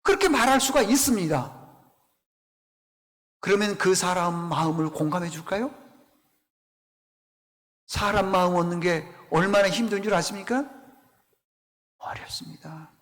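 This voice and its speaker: A man preaches in a high voice, telling a scripture story with animation. He keeps turning to his listeners with questions, and a long church reverb hangs after him. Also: animated, moderate pace, long pauses, a bit bright. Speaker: pastor. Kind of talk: sermon. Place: church sanctuary.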